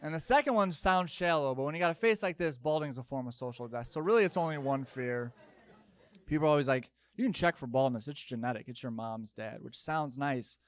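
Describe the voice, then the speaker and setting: A young man doing a stand-up comedy set, telling stories in an animated way and jumping up into loud shouted bits. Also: medium pitch, fairly quick. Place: comedy stage with audience.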